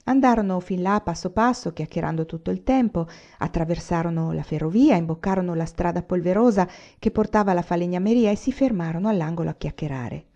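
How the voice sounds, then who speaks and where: A woman reading a novel aloud in a calm, measured way. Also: on the low side. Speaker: reader. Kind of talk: audiobook reading. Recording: dull lo-fi recording.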